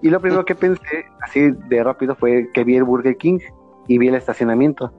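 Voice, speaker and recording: A man with a Mexican accent, telling a story in casual chat, animated and slangy, with a lot of swearing. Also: medium pitch, brisk, phone-quality sound, soft background music. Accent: Mexican Spanish. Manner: animated, slangy and profane, acts out quoted voices.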